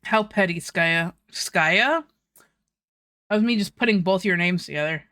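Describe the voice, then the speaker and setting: A woman's voice: medium pitch, fast talker, no room sound, clean studio sound. A young woman streaming, chatting casually with viewers while eating, laughing often and swearing freely.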